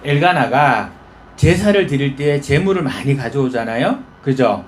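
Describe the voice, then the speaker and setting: A man's voice: mid-range voice, animated, moderate pace, slight background noise. A male pastor preaching in a folksy storytelling manner, often asking the congregation questions. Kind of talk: conversational sermon.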